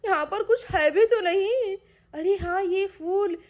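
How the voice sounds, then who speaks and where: A woman's voice: takes it slowly, darkish tone. A woman doing a whiny, flustered young woman. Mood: worried. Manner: whiny, pleading, high voice. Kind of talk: doll-play storytelling.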